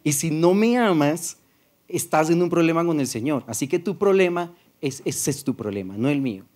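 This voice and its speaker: A man with a Colombian Paisa accent preaching a sermon as pastor, soft-spoken and conversational, acting out little dialogues as he talks. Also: on the high side, lively intonation, normal speed. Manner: soft-spoken, does not shout.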